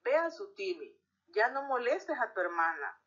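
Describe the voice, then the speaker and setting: A woman reading aloud as a gentle, reassuring middle-aged father who comforts his daughter. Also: a little high, sing-song, moderate pace. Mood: soothing. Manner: soothing, reassuring. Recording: dull lo-fi recording.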